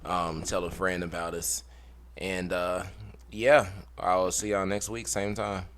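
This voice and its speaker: A man's voice: low-pitched, little pitch movement, slow pace, crowd noise. A man co-hosting a podcast, bantering insistently and laughing in a casual group chat. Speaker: podcast co-host.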